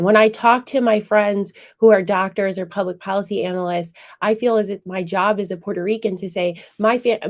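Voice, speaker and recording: A woman hosts a college radio interview from the studio. Her mid-pitched voice is enthusiastic and animated, and she talks with plenty of fillers. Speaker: radio show host. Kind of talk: conversational interview.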